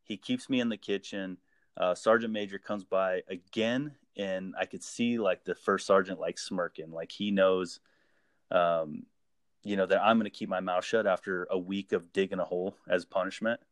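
A man with a fairly low voice, recorded close and dry, tells old army stories. He talks in a loose, profane, easygoing way and acts out every exchange with his sergeants. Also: moderate pace, dry recording. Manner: lively anecdote-telling, acting out quoted dialogue; relaxed and profane, with frequent fillers. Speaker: guest; army veteran. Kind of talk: casual spoken storytelling.

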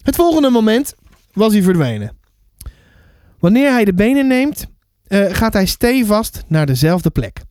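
A man reading a children's book aloud for a podcast, lively and stumbling now and then over words. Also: high-pitched, a little slow, long pauses, no room sound, studio quality. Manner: lively, with fillers and self-corrections.

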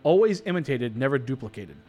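A man's voice: mid-range voice, big pitch swings, quick pace, mellow, highs cut off, soft background music. A man with a Boston accent hosting a radio show in casual, jokey banter, rambling and repeating words, with some swearing.

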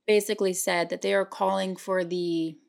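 Gravelly-voiced chatty woman podcaster. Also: mid-range voice, level tone, normal speed, a little mellow. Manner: chatty, interrupts and finishes her co-host's sentences. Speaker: podcast co-host. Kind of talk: casual political podcast chat.

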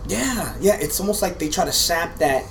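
A man's voice: a little high, lively intonation, moderate pace, creaky, a crowd in the background. An American man reminiscing casually in a conversational way, often checking in with "you know".

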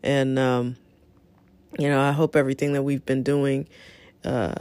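A middle-aged woman hosts a casual solo talk to her listeners, conversational and encouraging, wandering into rambling asides. Her bass voice is a little mellow and lightly scratchy, delivered flatly and without hurry, and the recording is dry with no room sound.

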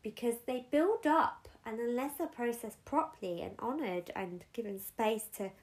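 A woman's voice: on the high side, lively intonation, moderate pace. A woman giving an earnest, conversational spiritual guidance talk, leaning on emphatic repetitions. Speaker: spiritual guide.

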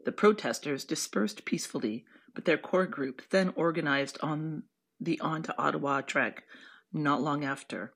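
A person leading an audio walking tour in an informal, halting way, with chatty asides. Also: mid-range voice, vocal fry, fairly bright tone.

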